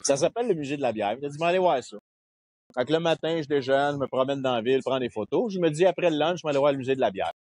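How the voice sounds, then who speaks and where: Husky Québécois man telling a story. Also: mid-range voice, very fast, few pauses, no echo. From Quebec. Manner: lively anecdote teller, slips into quoted voices. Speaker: podcast guest. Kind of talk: casual storytelling chat.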